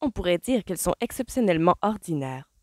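A woman reading an audiobook voices a mischievous, lively younger sister with bright, playful exclamations. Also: lowish voice, brisk, no echo, studio quality.

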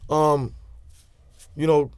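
A man's voice: fairly high pitch, extremely slow, clean tone, no room sound. Bronx-accented man telling prison stories. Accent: New York. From New York. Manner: street slang, animated hand gestures, many restarts. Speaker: interview guest. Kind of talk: casual storytelling interview. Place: small studio with leather couch. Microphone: studio mic on stand.

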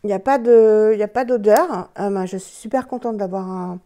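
Woman vlogger, enthusiastic casual product chat, mellow voice, mid pitch. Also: fairly quick. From France. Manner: chatty, enthusiastic, talks to herself by name. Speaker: beauty vlogger.

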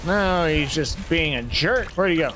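A man's voice: on the high side, animated, unhurried, over music. A man hosting a gaming channel, giving joking let's-play commentary and talking back to the game. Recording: voice over loud game sound and gunfire. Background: game gunfire and ambience.

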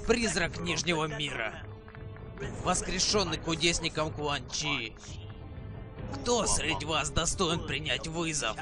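A sinister sorcerer, proclaims in a slow, ceremonial way as master of a video game tournament. The voice sits a little high for a man, over clear music. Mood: solemn, imperious. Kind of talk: dubbed video game cutscene acting.

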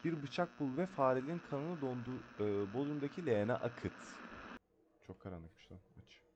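A man's voice: mid-range voice, normal speed, muffled recording, noisy background. A man commentating a horror game as he plays, jumpy and panicky, chatting to himself, muttering prayers and shrieking when scared. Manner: chatty, talking to himself while playing. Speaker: gameplay streamer.

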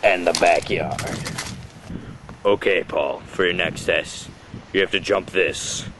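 A man behind a handheld camera outdoors, bossing a friend through silly tasks and yelling excitedly at times. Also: low-pitched, takes it slowly, background noise. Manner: bossy and joking, breaks into excited yelling. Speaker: camera operator giving tasks. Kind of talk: goofy home-video comedy. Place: outdoors in a neighborhood.

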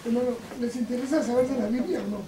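A woman in the audience firing off quick, pointed questions at a teacher. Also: a little high. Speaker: audience member asking questions. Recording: echoey room, distant, noisy.

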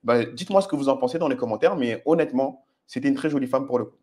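A man's voice: medium pitch, fast, mellow. A man comments on footage of his own approaches and explains his dating advice to viewers in a direct, instructive way, often checking in with "ok?". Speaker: dating coach.

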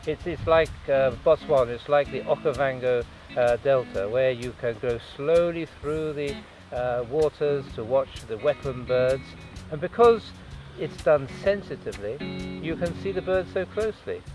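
Man, birdwatching journalist, measured, enthusiastic, outdoor interview, music underneath. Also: medium pitch, a little mellow, poor audio. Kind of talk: interview answers.

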